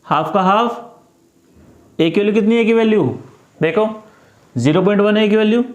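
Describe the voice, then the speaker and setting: Male tutor, high-pitched, patient step-by-step explainer, echoey room. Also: moderate pace. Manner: repetitive, coaxing, talks through each step. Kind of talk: step-by-step math lesson.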